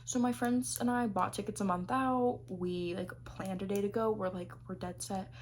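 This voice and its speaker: A woman's voice: medium pitch, steady tone, normal speed, slight background noise. A young adult woman chatting casually to camera about her favorite things of the year, gushing and rambling with plenty of fillers. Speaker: vlogger.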